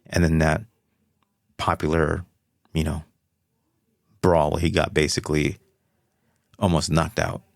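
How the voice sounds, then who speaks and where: Gravelly low-voiced man rambling on a podcast. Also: no room sound, clean studio sound. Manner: rambling, self-correcting, chatty. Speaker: podcast host. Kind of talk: casual solo podcast talk.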